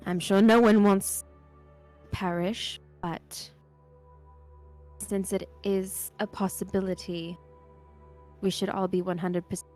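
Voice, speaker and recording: A woman talking slowly and deliberately as a tabletop game player in character. Her voice sits at an ordinary middle pitch, with faint music playing behind her. Her microphone keeps cutting out, so her volume jumps and drops unevenly. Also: flat delivery, a little mellow. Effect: microphone cutting out, volume dropping in and out. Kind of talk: in-character roleplay.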